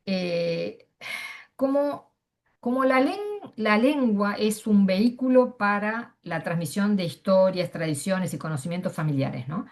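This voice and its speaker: A woman's voice: medium pitch, a little slow. A middle-aged woman from Argentina with an Argentine Spanish accent, sharing personal views at a panel in a hesitant way, with many fillers and restarts. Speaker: panel speaker. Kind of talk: casual personal testimony.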